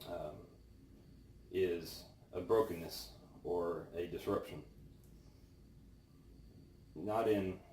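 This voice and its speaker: A man with a very low, mellow voice gives an informal devotional. He speaks pensively, leaving long pauses between phrases as he reads and reflects. The recording is roomy, with faint noise behind him. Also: recorded from a distance. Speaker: devotional host. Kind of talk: informal devotional talk, scripture reading and reflection.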